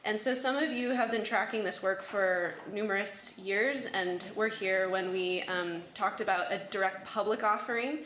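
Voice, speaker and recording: A woman hosting a community meeting, addressing the gathering in measured phrases with pauses. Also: mid-range voice, a bit bright. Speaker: host introducing speakers. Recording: echoey room, faint noise.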